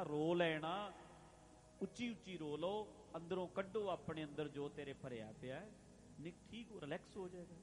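A man preaching a religious sermon, addressing listeners directly, repeating phrases and chanting scripture lines slowly. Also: fairly high pitch. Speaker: Sikh preacher.

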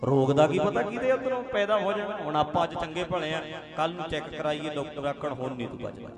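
A man's voice: fairly high pitch, brisk. A man preaching a sermon as a story, emphatic and repetitive, often repeating his phrases. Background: music.

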